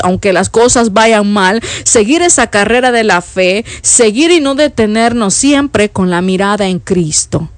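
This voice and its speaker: A woman's voice: a little high, no echo. A Salvadoran woman in her fifties, a church worship leader chatting affectionately on a live stream, reading out viewers' comments and laughing often. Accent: Salvadoran Spanish. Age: 50s. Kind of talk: casual live-stream chat.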